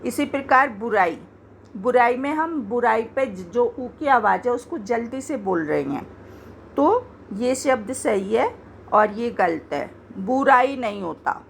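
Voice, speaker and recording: Woman, Hindi teacher, slow patient delivery, gravelly higher voice, faint hiss behind. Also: sing-song. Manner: slow, patient, repeats words to show pronunciation. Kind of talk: explaining grammar to learners.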